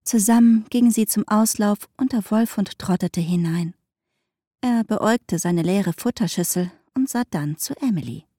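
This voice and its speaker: A woman reads a novel aloud in an even, measured storytelling voice. Her tone is dark and mellow, and the recording is close and dry. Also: medium pitch, no room sound. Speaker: audiobook narrator. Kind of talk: scripted narration of a novel.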